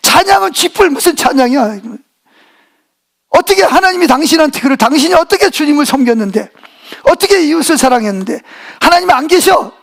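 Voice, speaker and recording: A man preaching, voicing a bitter, furious wife who scolds her suffering husband with sharp questions. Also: very high-pitched, animated, fairly quick, exaggerated voice. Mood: bitter scolding.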